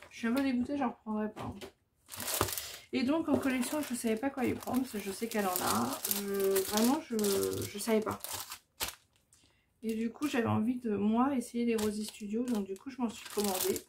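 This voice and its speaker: A woman's voice: a little high, normal speed, background noise. A woman chatting casually as she shows off her scrapbooking crafts, hesitant and full of fillers. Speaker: scrapbooking vlogger. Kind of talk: casual show-and-tell.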